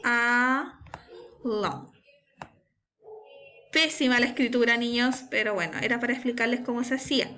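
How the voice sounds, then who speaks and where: A woman's voice: on the high side, steady tone, fast talker, hardly any pauses, sharp tone. A woman teaching an online primary school English class, explaining step by step and patiently checking that pupils follow. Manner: patient, step-by-step, frequent "¿cierto?" and "¿ya?".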